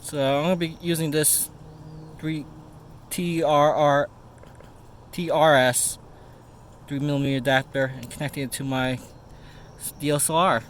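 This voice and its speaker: A man giving a casual product review in a halting, informal way, stumbling over words now and then. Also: a little high, flat delivery. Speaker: gear reviewer. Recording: noisy raw camera-mic audio with ambience.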